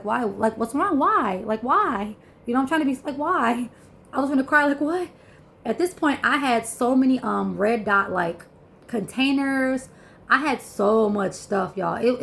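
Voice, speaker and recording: A woman telling a shopping story in a vlog, animated and chatty, acting out what people said. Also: a little high, vocal fry, a little hiss or hum. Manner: animated, acts out dialogue, many fillers. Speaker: vlogger.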